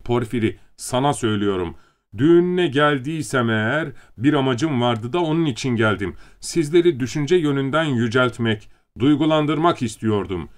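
A man's voice: mid-range voice, expressive, moderate pace, close to an everyday voice. A man voicing a pompous male general who cries out in offended indignation. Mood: pleading. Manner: indignant outcries.

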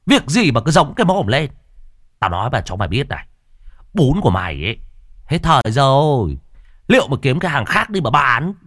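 A man voicing a brash male market corn seller who shouts and taunts. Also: mid-range voice, big pitch swings, fairly quick, pauses often, dry recording, clean studio sound, voice pushed up. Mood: taunting.

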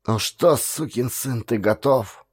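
A man voicing a stern, proud older male householder who talks in a gruff, scornful and commanding way in a storybook reading. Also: mid-range voice, slow, a little mellow. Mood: menacing.

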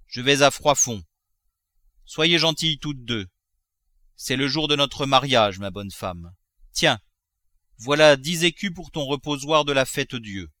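Picture a greedy old miser in his seventies , voiced by a male narrator, cackling and crooning over his gold in a lively, swooping voice. He wheedles and cajoles, then turns excitable and shrill. The sound is close and dry, with no room around it. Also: measured pace, pauses often, no echo. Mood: cajoling. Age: 70s.

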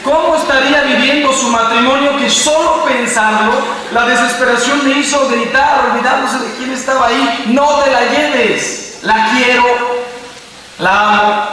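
A Mexican priest in his fifties giving a sermon, telling a story with dramatic swings between loud cries and hushed drops. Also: very high voice, a little hiss or hum. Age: 50s. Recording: echoey hall from far off, faint ambience.

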